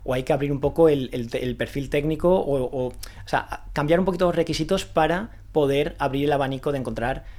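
A guest founder of a renewable energy recruitment consultancy gives casual interview answers. He talks fast in a mid-range, darkish voice, with many restarts and fillers.

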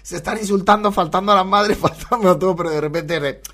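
Presentador con acento valenciano, voz un poco alta, comentario cómico y desenfadado, muy coloquial. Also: male voice, sits high, quick pace, fairly bright tone. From Valencia, Spain. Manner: chatty, laughs often, colloquial and joking. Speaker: podcast host reacting to clips. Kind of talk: casual comic commentary.

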